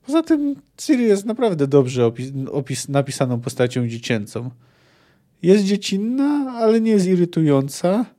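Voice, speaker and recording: A man's voice: sits high, sing-song, moderate pace, dark tone. A man hosting a book podcast, talking through his thoughts in a casual monologue with frequent hesitant fillers. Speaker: podcast host reviewing fantasy books.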